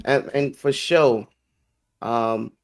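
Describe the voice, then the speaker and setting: A man's voice: mid-range voice, drawn-out words, vocal fry, noisy background. A man co-hosting a gaming podcast, easygoing and casual, with fillers as he plugs his streams. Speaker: podcast co-host. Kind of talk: casual chat.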